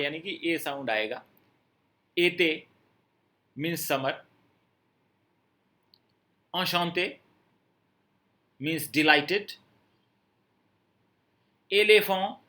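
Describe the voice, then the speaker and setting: A man's voice: a little high, bright, forceful tone. A man teaching a language lesson, explaining step by step and checking that students understand. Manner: explains step by step, repeats words and asks students if they understood. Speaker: French teacher.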